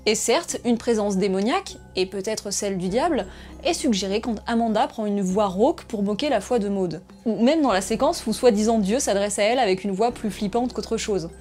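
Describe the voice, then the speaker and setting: A woman narrating a scripted film analysis essay in a measured, analytical way. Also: medium pitch, a little mellow, soft background music.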